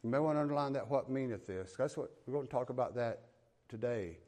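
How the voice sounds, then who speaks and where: Reading scripture aloud, a Southern preacher from the American South explains it in a folksy, plain-spoken way. His mellow voice is medium in pitch, and his pace is quick.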